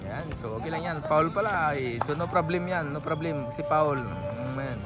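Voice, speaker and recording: A woman vlogging excited play-by-play of a neighborhood basketball game, breathless, calling out plays and teasing the players. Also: low voice, normal speed, loud music behind the voice.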